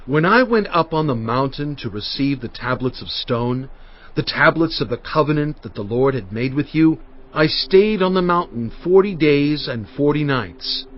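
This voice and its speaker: Man acting a solemn, animated biblical prophet. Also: fairly high pitch, normal speed, natural voice. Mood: stern, reproving. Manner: solemn, emphatic oratory. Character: Moses, solemn male prophet exhorting his people. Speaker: dramatized audiobook reader. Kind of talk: dramatized scripture reading. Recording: dull audio with faint music bed. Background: faint background music.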